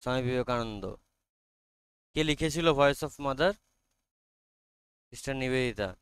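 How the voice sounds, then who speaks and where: Bengali guy teaching a class, very smooth clear voice, dry sound, asks students stuff. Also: mid-range voice, dry recording. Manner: quizzing students, reads English lines slowly. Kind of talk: classroom lesson.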